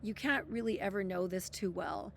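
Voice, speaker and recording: A woman's voice: medium pitch, steady tone, moderate pace, gravelly, a little hiss or hum. Woman reading aloud with blunt asides. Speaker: self-help speaker. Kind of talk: reading a book aloud with commentary.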